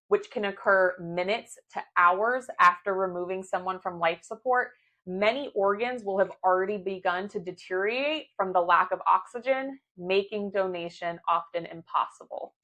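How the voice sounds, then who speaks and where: A young adult woman from the United States, a philosophy professor explaining clearly and asking many rhetorical questions to camera. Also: mid-range voice, fairly bright tone. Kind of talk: scripted lecture to camera.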